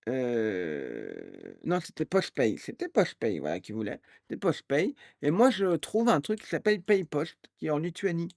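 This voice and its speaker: A man on a live stream spins a long, meandering anecdote with a bright, lively voice that swings up and down. He restarts often and jumps into other people's voices as he tells it. The sound is close and dry. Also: fairly high pitch, normal speed, vocal fry, no echo. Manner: animated, acts out quoted voices; rambling with restarts and fillers. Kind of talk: casual storytelling on a live stream.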